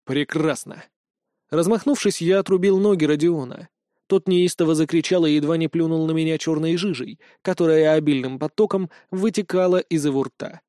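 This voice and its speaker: A man narrating a first-person audiobook, gruff and menacing in the hero's lines. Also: a little high, fairly even intonation, brisk, warm tone, no echo, clean studio sound.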